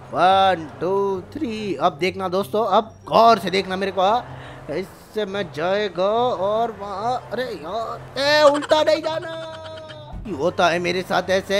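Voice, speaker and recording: A man hosting a gaming channel plays around with character voices while commentating, teasing and exclaiming excitedly. His voice sits high.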